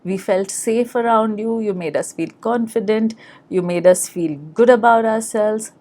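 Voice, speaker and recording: A podcast host with an Indian accent shares personal memories in a plain-spoken, reflective way. Her mid-range voice is a little slow with a darkish tone.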